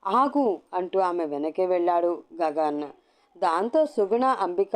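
A woman narrating a serialized love story with a steady storytelling delivery. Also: lowish voice.

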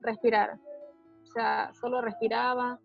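A woman giving a personal testimony in a conversation, speaking hesitantly with many pauses and restarts. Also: a little high, little pitch movement, vocal fry, no room sound, dull audio, faint music behind. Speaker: interviewee describing her panic attacks.

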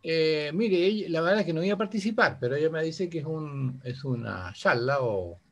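A man's voice: fairly high pitch, expressive, moderate pace, dull audio. A man on a video call, earnest and slightly formal, checking that he can be heard. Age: 80s. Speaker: workshop participant.

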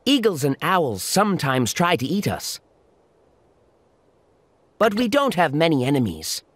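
A man's voice: on the high side, wildly swooping pitch, measured pace, fairly bright tone, heavily acted. A man voicing a proud, keen falcon who explains things simply in a children's educational cartoon. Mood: proud, informative.

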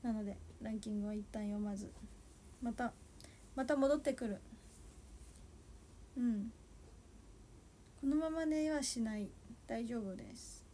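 A woman in her twenties chatting casually on a solo livestream, soft and a little sleepy, sometimes dropping to a murmur. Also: a little high, unhurried, long pauses, a little hiss or hum. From Japan. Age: 20s. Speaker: idol livestreamer.

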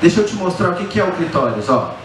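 A fast-talking, sing-song, high-voiced middle-aged comedian with a Brazilian accent spins colloquial, crude stories for a live audience on a small indoor bar stage, using a handheld microphone. He's recorded from a distance in a very echoey venue with faint background noise.

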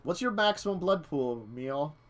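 A man's voice: on the high side, lively intonation, normal speed. A man talking casually as the storyteller of a tabletop role-playing game. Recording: faint noise with keyboard clicks.

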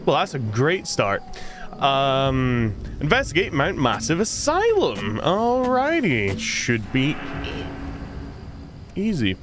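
Lively man streaming a game. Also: mid-range voice, takes it slowly, long pauses, background noise. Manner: joking, reads chat aloud, playful silly voices. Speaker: gaming streamer. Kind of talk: casual let's-play commentary.

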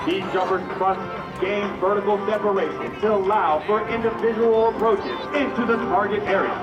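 A man announcing an air show parachute jump over a public address system, with a drawn-out showman delivery. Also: high voice, dull audio. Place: outdoor air show field. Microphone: PA system recorded from the crowd. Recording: echoey loudspeaker heard from far off. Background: loud music and cheering crowd.

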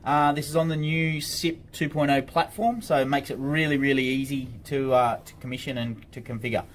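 At an office desk indoors, an Australian man talks through a relaxed, practical product tutorial one step at a time, working as a demonstrator for an intercom supplier. He has a mid-range voice with a steady tone and a moderate pace. The recording is clear, with room ambience and background noise.

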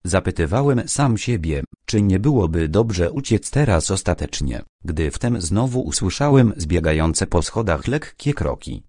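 Deep-voiced man reading an audiobook. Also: no echo, studio quality. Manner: measured, dramatic storytelling with steady phrasing. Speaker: audiobook reader. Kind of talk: scripted dramatic narration.

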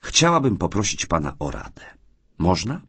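A shy, tearful young woman speaks in a lifted, soft, pleading tone, voiced by a man in a dry audiobook read. Her voice is breathy and husky, and it rises and falls a good deal. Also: low voice, sing-song, moderate pace, no echo, full character voice. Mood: hesitant pleading. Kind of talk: audiobook character reading.

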